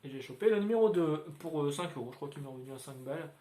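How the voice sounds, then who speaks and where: A man with a slightly high voice chats casually about his week's comics, hesitating and wandering between thoughts. He talks into a standalone mic in a roomy, echoey room at home. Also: expressive, rapid-fire, warm tone. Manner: rambling, many filler sounds. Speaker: comics video host. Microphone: standalone microphone.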